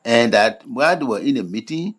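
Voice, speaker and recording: A male news presenter speaks with a clear Liberian accent at a medium pitch. He narrates in simple colloquial Liberian English, plain-spoken and explanatory, as if telling a story to ordinary listeners. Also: lively intonation, brisk, fairly bright tone. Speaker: news presenter of fact-checks.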